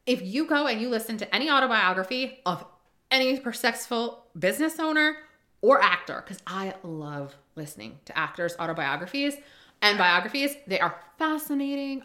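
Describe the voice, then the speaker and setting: A woman's voice: medium pitch, pushed and bright. A woman from Rhode Island hosting a podcast, riffing emphatically in a casual monologue with lots of asides. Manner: emphatic, repeats key lines, riffs with many asides. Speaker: podcast host.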